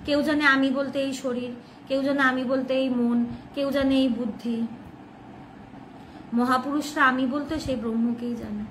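A woman's voice: high-pitched, fairly even intonation, normal speed, pauses often, fairly bright tone, a little hiss or hum, poor audio. A woman with a Bengali accent giving a devotional talk, earnest and explanatory, asking questions and answering them herself. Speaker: devotional speaker.

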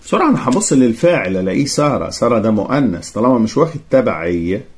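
A young man with an Egyptian Arabic accent teaches French grammar for an exam, his voice rising and falling a great deal as he talks. He reads the French sentences slowly and carefully, then moves into quick colloquial explanations. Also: medium pitch, big pitch swings. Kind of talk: exam-prep grammar lesson.

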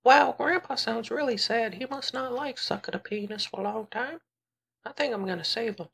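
A performer voicing a naive, earnest young grandchild in an amateur cartoon, high and raspy. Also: normal speed, fairly bright tone. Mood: concerned.

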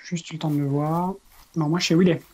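A man's voice: a little high, fairly even intonation, quick pace, a little mellow. Man chatting over gameplay, faint noise. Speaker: gaming video player and commentator. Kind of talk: casual gameplay chat with a friend.

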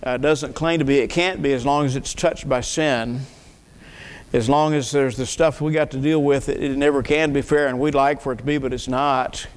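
A man's voice: medium pitch, fairly even intonation, normal speed, clear, resonant tone. An older man preaching an earnest sermon at a church pulpit, asking the congregation questions and often repeating words. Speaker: pastor. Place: church sanctuary, at a wooden pulpit. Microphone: pulpit mic. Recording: long reverb of a church hall.

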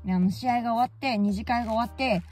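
Woman, vlogger, lively casual storytelling, quick exclamations, fairly high voice, soft music behind. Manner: animated, exclaiming, laughing at herself. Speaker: baseball fan vlogger.

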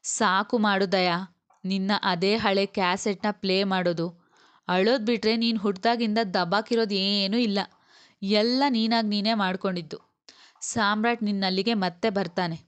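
Woman reading male friend, stern, blunt, lecturing, clear voice. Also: lowish voice, steady tone, unhurried, close to an everyday voice. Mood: scolding. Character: stern loyal male friend, scolding on the phone.

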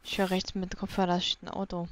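A woman's voice: lowish voice, monotone, fast talker, slight background noise. A woman in her thirties giving casual, blunt, slangy commentary as she plays a horror game on a headset mic. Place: small room at home, indoors. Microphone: headset microphone. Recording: dull, lo-fi headset sound.

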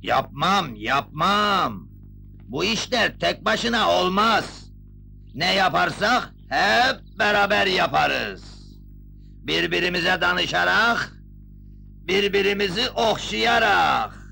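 An actor playing a jovial village hero who jokes, laughs and talks in playful rhymes. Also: male voice, high voice, animated, slow pace, vocal fry, pushed and bright, a little hiss or hum, heavily acted. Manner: joking, laughing, rhyming speech.

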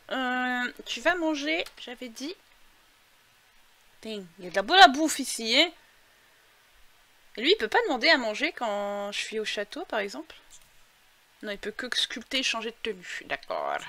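A woman chats her way through a game, her voice bright and a touch high. She thinks aloud with plenty of fillers and hesitations, and now and then reads the on-screen quest text aloud. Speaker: let's play gamer. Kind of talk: casual gameplay commentary.

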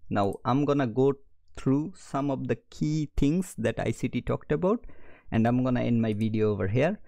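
A man's voice: medium pitch, gravelly, mellow, dry recording. A man from Bangladesh, speaking with a Bangladeshi accent, gives a screen-share trading lesson in a direct style, often checking in with "okay". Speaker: trading educator.

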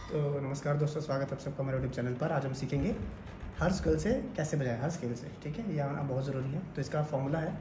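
A man's voice: medium pitch, steady tone, fast talker, heavy background noise. A man teaching harmonium scales step by step, patiently, checking in often with his students. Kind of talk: music lesson explaining scales. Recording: roomy with loud harmonium playing.

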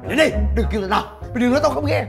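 A man's voice: very high-pitched, racing, gravelly. An actor playing a fed-up young man who scolds his friend in exasperated rants. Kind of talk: scripted comedy sketch acting. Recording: music score and crowd noise behind.

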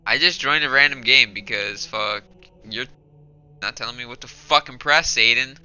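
A man hosting a casual gaming session, swearing and excitable. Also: mid-range voice, moderate pace, muffled recording, soft background music. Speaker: gaming channel host.

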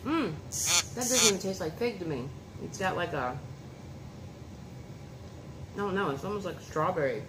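A woman in her thirties, a food reviewer vlogger, speaks at normal speed in an expressive voice on the low side, leaving long pauses. She casually chats and tastes food for her vlog, talking homily to viewers and her son at the table while she unwraps food. She's indoors in her home dining room, and the recording is echoey with clear background noise.

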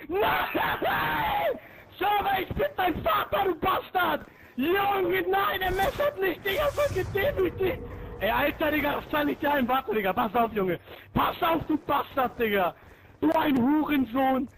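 A man raging and yelling during an online shooter match, swearing and taunting his opponents nonstop. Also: extremely high pitch, a little hiss or hum, low-quality recording. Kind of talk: screaming gaming rant.

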